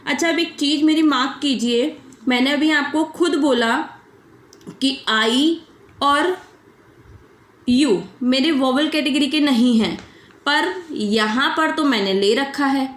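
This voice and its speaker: A woman with a high voice gives a shorthand lesson online, taking it one step at a time. She keeps asking questions and answering them herself, and drops English terms into her sentences. Her voice carries a roomy echo. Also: slow. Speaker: shorthand teacher.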